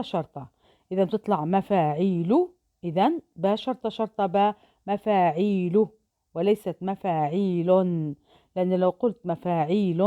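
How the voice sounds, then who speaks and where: Woman teacher dictating poetic meter slowly. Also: on the low side, warm tone, dry recording, dull audio. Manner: slow syllable-by-syllable dictation. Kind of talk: recorded grammar lesson on poetic meter.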